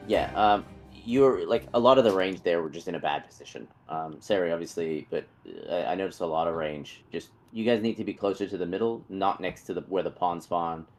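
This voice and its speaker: A man's voice: deep voice, brisk, few pauses, faint music behind, poor audio. A man leading a game raid over voice chat, explaining positions in a rambling way with many fillers and restarts. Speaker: raid leader.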